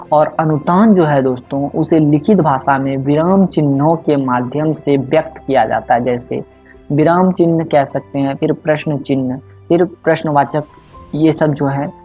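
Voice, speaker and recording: Male online tutor, mellow dull-toned voice, keeps checking understanding, faint music underneath. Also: a little high. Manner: conversational, frequent "ठीक है?" check-ins, mixes English phrases. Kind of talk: explaining exam questions to students. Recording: slightly dull audio with faint background music.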